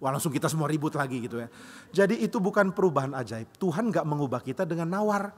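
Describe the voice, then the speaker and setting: A man's voice: on the high side, quick pace, breathy edge, big-room sound. A man preaching a sermon in a church, telling humorous stories and acting out the voices of the people he quotes. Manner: animated, acts out quoted voices, jokes. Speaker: pastor. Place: church hall.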